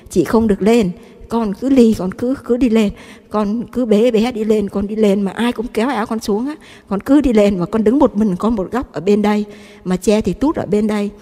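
Woman, spoken faith testimony, humble and rambling, repeats herself, mellow tone, long hall reverb. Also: fairly high pitch. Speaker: mother giving testimony.

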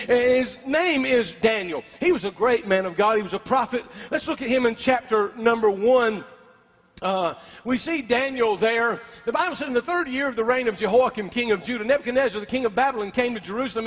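A man preaching a sermon as pastor, emphatic and calling on the congregation for amens. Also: extremely high pitch. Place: church sanctuary. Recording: dull recording with long hall reverb.

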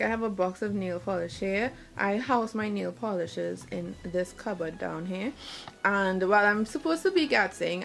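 A vlogger in her twenties, with a mid-range voice and noticeable vocal fry, chats casually indoors in a small bedroom. Holding the camera at arm's length, she rambles on and keeps correcting herself as she talks.

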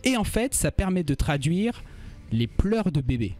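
A man's voice: fairly high pitch, big pitch swings, measured pace, darkish tone, faint music behind. A man co-hosting a casual livestream, talking in a chatty way, explaining things step by step and quizzing his co-host and the chat. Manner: frequent fillers and restarts. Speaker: stream co-host.

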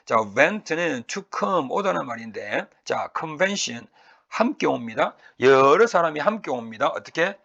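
A man teaching English vocabulary in Korean with a Korean accent. He asks his own questions, answers them, and repeats each word slowly to drill pronunciation. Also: a little high, sing-song, creaky, fairly bright tone, muffled recording. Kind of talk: recorded vocabulary lecture.

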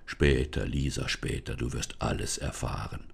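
A man voicing a gentle, unseen male forest spirit, speaking low and hushed in a storybook reading. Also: moderate pace, creaky, slightly rough, full character voice. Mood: soothing.

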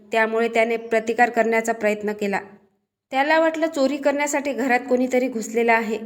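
A woman narrating a true crime story in a steady, scripted storytelling delivery. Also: on the high side.

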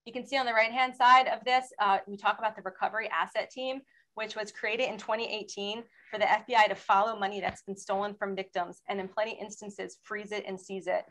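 A woman speaking as a panelist in a webinar presentation, explaining in a steady way and asking for slide changes. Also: mid-range voice, fairly quick, poor audio. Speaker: federal law enforcement panelist.

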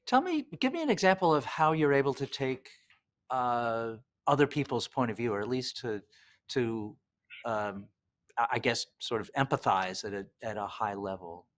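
Animated man in his sixties hosting. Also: medium pitch, moderate pace. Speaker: interview show host. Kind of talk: scripted introduction and interviewing. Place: indoor office lounge.

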